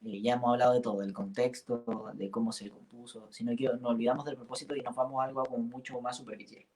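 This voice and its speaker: A man co-hosts a singing workshop. His voice is mid-pitched, and he talks in a casual, unhurried way, often picking up where his partner leaves off. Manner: relaxed, finishes partner's sentences.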